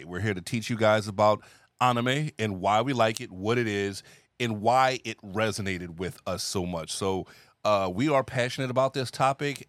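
A man with a lowish voice hosts a podcast in relaxed, talkative chat, quick to laugh. His voice is recorded close and dry, with no room sound. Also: dry recording. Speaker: podcast host.

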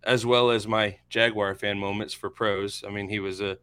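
A man's voice: fairly low pitch, level tone, normal speed, a bit bright, smooth. A man in his thirties from central Florida with an American accent, chatting casually about sports as a panelist. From central Florida, USA. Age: 30s.

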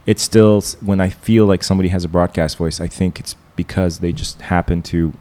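A man's voice: deep voice, steady tone, brisk, warm tone. A man hosting a comedy podcast, chatting in a rambling way with many restarts. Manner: rambling, full of restarts and fillers. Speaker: podcast host. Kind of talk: casual podcast chat.

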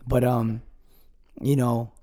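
Young man, podcast guest, mellow dark voice, rambling, earnest. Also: mid-range voice, little pitch movement, slow. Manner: rambling, filler-heavy, earnest. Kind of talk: casual conversation.

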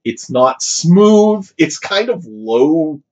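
A man recaps a film on a casual podcast with a lively, swooping delivery and a slightly husky voice. He keeps jumping into high mock voices to quote the characters. The audio is a little dull and lo-fi. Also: extremely slow. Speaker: podcast co-host. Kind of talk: casual movie podcast chat.

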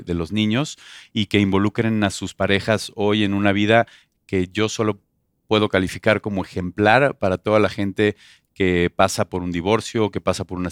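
A man with a Mexican accent speaks in a low, smooth and resonant voice. He talks in an earnest, heartfelt way in a relaxed chat. The sound is dry and close. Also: no echo. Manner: warm, earnest storytelling. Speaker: guest, stepfather. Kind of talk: casual chat.

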